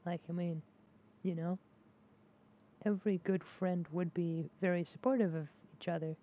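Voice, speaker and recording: Fairly low in pitch with fairly even intonation, this woman talks at a normal speed while vlogging her gameplay. Her speech is rambling and halting, full of restarts and filler words, frank and self-deprecating, captured by a dull lo-fi mic carrying faint noise.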